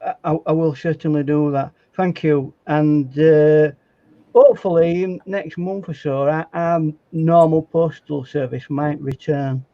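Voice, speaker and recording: Brief: jokey English guy, a little high, dry dull stream audio, stammers and restarts. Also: steady tone, a little slow, no echo. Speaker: guest artist. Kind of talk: casual chat on a live stream.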